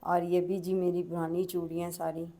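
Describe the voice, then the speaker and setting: A woman's voice: on the low side, flat delivery, normal speed, warm tone. A middle-aged woman with a Punjabi accent, chatting in a folksy way as a home cook in a casual cooking vlog and addressing viewers politely.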